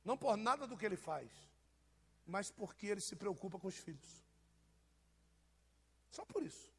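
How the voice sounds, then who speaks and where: With a Brazilian Portuguese accent, a man preaches an informal sermon to a live church and jokes with congregation members. His husky voice is high-pitched and animated, at a moderate pace.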